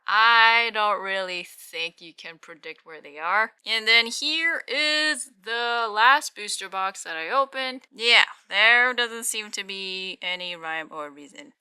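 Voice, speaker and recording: A woman giving casual, unscripted commentary as a card-opening host, moving between quiet murmurs and louder exclamations. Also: mid-range voice, takes it slowly, hardly any pauses, smooth, no echo.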